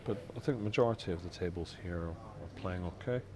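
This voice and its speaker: Deep-voiced pool commentator. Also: male voice. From Scotland. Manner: measured, analytical shot-by-shot remarks. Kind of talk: live sports commentary. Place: busy pool venue. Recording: crowd noise in a venue. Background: crowd chatter.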